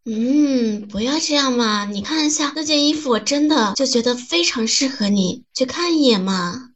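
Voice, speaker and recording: A woman's voice: high voice, expressive, moderate pace. A woman playing a doting, pleading partner. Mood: coaxing. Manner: coaxing, pleading, soothing. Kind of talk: comedy skit acting.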